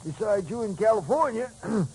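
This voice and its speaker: High, husky grumbling old prospector. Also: male voice, lively intonation, fairly quick, warm tone, full character voice, poor audio. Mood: grumbling, indignant. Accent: American. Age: older. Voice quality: husky, rough. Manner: grumbling, folksy old-timer talk. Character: grumbling old male prospector, indignant, plain-spoken. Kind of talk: old western radio drama acting.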